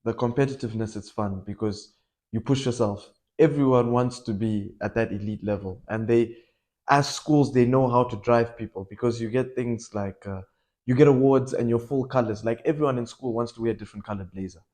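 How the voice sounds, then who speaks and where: A young man from Malawi, a football coach, talking casually in a podcast interview, animated and quick to laugh. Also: medium pitch. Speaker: football coach and academy owner.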